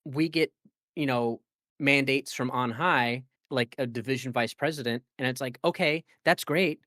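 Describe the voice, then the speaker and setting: A man's voice: mid-range voice, moderate pace, no echo. A man chatting on a gaming podcast in a middle-range voice. He rambles and restarts his sentences, full of "like" and "you know". The mic is close and dry, with no room sound. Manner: rambling, animated, many fillers and restarts. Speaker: podcast co-host. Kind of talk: casual gaming podcast chat.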